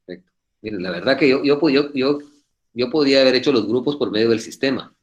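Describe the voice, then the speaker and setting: A man lecturing law students over a video call, his voice sitting at an ordinary middle pitch. He talks quickly and earnestly, repeats himself, and speaks in a fatherly way. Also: lo-fi sound, a little hiss or hum. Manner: talks fast, admits he speaks too quickly. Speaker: law professor. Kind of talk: online class lecture.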